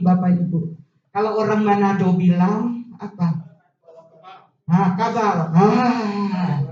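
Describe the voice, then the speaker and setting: A woman preaching a sermon, drawing answers from the congregation with singsong stresses and lively asides. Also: a little high. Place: church hall. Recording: echoey church hall from far off, dull sound.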